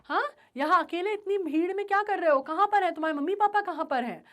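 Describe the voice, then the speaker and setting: A kind grown man gently questions and coaxes a frightened lost child, in a soft, soothing way, as a woman teacher acts him out. The voice stays high and bright. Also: fast talker. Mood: coaxing.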